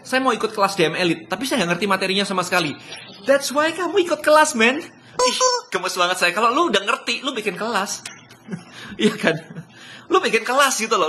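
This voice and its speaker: An excitable business speaker hosts a live-stream motivational session, his slightly high voice bright and forceful. He laughs often and sprinkles English phrases into his casual talk, with a little hiss or hum in the audio.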